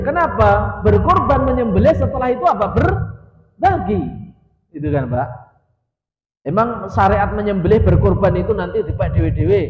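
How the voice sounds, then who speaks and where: A high-pitched man delivers a mosque lecture in a question-and-answer rhythm. He poses questions to his listeners and answers them himself, with a joke now and then. The sound is dull and rings with long hall echo. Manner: mixes in Javanese words and light jokes. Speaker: ustadz teaching tafsir.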